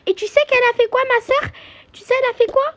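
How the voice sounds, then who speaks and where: Tattling kid sister in a game role-play, high and whiny voiced by a woman. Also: fairly even intonation. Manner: complaining, tattling, fast.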